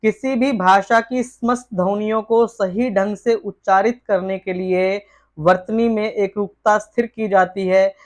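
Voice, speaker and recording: In a mid-range voice, a female tutor runs an exam-prep lesson, reading each question aloud before answering it in a formal, textbook style. She keeps her delivery steady and measured the whole way through.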